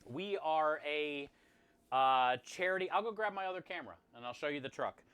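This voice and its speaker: A food truck chef who streams chats casually with his livestream viewers, friendly and appreciative. His voice sits on the high side and is expressive at a moderate pace, with a clean, echo-free tone but phone-quality sound.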